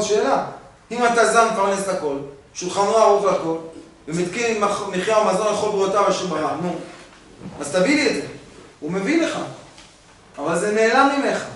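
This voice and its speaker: A man, a rabbi, giving a Torah sermon in a yeshiva study hall, with rhetorical questions and insistent repetition. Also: sits high. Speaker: rabbi teaching Kabbalah. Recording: echoey hall, voice from far off.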